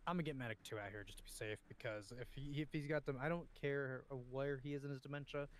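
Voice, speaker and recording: A man's voice: mid-range voice, steady tone, fast talker. A man improvising as a firm, explanatory police officer in game role-play.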